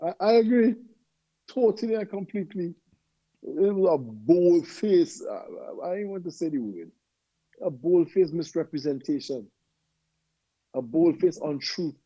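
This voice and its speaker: A man's voice: fairly high pitch, expressive, a little slow, long pauses, warm tone, no echo, dull audio. A man with a Trinidadian accent, a guest on a call-in talk show, speaking emphatically and often tagging "right?".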